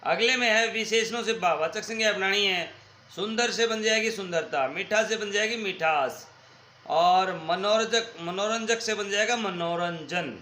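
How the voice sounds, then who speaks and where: Man, Haryanvi accent, teacher, high voice, slow and patient, echoey room. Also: bright, forceful tone, slight background noise. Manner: patient, repeats words slowly for pronunciation; addresses students as brother. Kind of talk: school lesson walkthrough.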